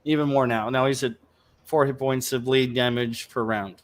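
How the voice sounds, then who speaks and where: A man playing a tabletop game, slowly working out his attack rolls and damage aloud. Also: medium pitch, steady tone. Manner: slow, counts dice totals aloud. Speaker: player. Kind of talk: tabletop game play over voice chat.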